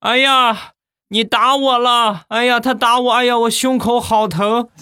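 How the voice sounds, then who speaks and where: A man voicing a scheming old man who fakes an injury, with theatrical wailing and shouting. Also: a little high, lively intonation, moderate pace, noisy background, voice pushed up, natural voice.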